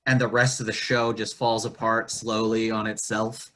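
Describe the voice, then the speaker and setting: A man with a bright, forward voice chats loosely on a podcast, circling back with fillers and the odd swear. He is recorded over an online call. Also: on the low side, flat delivery, moderate pace. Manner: rambling, crude, with many fillers. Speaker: podcast host. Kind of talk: casual chat. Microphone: remote call recording.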